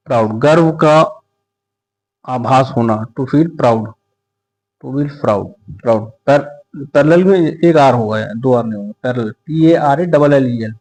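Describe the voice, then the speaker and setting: A man's voice: medium pitch, a little mellow, rough recording. A man teaching exam vocabulary, mixing Hindi with words, repeating each term several times and spelling words out letter by letter. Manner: mixes Hindi explanation with English terms. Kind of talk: exam-prep vocabulary lesson.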